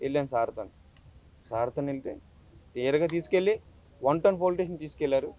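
A YouTuber from Visakhapatnam, India tells his story to a press meet in an urgent, impassioned way, making an emotional statement. His voice is a little high with a darkish tone, and he talks fast. The sound is lo-fi.

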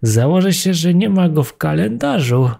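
Man doing a high, puzzled little mouse. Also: very animated, normal speed, gravelly, warm tone, exaggerated voice. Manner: high, wondering exclamations. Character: naive homebody female mouse, trusting and puzzled.

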